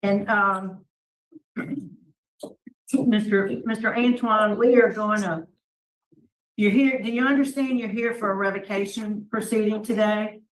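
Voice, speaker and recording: A woman's voice: mid-range voice, fairly even intonation, unhurried, long pauses. A woman leading a formal parole hearing over a video call, polite and procedural, calling people sir. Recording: roomy, distant from the mic.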